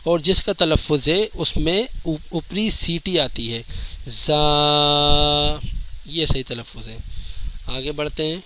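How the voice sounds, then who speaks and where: A man with a bright, somewhat high voice leads a careful lesson, stretching out each letter sound so it can be copied. He talks straight to his viewers as a patient teacher would, and a faint hiss of room noise sits behind him. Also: rough recording. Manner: often addresses viewers directly. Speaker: Quran teacher. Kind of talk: step-by-step spoken lesson.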